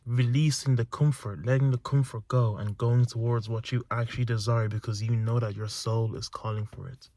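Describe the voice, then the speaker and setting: A man's voice: medium pitch, little pitch movement, normal speed, few pauses, mellow, no room sound. A young man giving a reflective motivational monologue, speaking earnestly and emphatically and repeating key phrases, recorded inside a car. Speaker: self-improvement vlogger. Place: inside a parked car at night.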